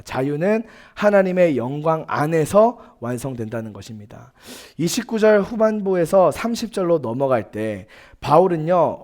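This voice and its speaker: 열정적으로 설교하는 젊은 남성 전도사. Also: male voice, fairly high pitch, a little mellow. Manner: earnest, emphatic, with personal stories and quoted dialogue. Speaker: youth pastor. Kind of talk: sermon. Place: church sanctuary.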